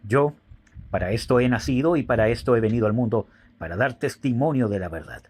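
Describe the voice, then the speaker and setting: A man voicing Jesus in a spoken Bible reading, measured and solemn, with a husky voice. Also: mid-range voice, a little mellow, natural voice. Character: calm grave adult male teacher, Jesus.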